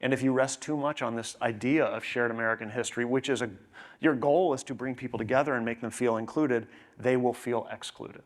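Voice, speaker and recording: A man's voice: medium pitch, fairly even intonation, brisk. A man speaking on stage at a conference, presenting to fellow professionals in a conversational way and often checking in with tag questions.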